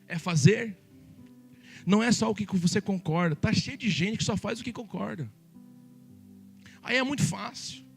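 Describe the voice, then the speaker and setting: A man preaching a sermon as the pastor, his voice sitting a little high for a man. He jokes with the congregation and turns to them often with questions. A soft guitar plays behind him. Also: moderate pace, vocal fry, pauses often. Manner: lively, joking preacher who addresses the congregation directly.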